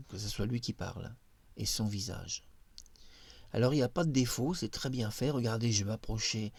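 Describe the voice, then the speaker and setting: Hesitant, enthusiastic man, low voice. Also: creaky, a little mellow, husky, dry recording. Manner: enthusiastic, explanatory, many hesitations. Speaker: video creator demonstrating a face mask software. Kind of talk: casual commentary to camera. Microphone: own microphone near the face.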